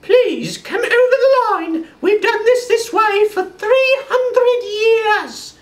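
A fussy court servant, as a man puts him on, speaking in a prim, formal falsetto that sits far above a normal speaking voice. Each word is drawn out slowly. The voice sounds a little distant from the microphone. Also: animated, roomy sound, exaggerated voice.

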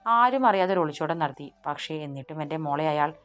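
A woman voicing a grieving young wife who speaks in a halting, pleading way, read in an audiobook story. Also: low voice, lively intonation. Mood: tearful pleading.

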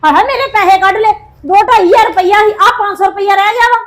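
A woman playing a furious young wife in a home-made family skit. She wails and loudly accuses her mother-in-law of stealing her money. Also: very high-pitched, quick pace. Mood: accusing. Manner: loud wailing complaints, repeated cries of distress.

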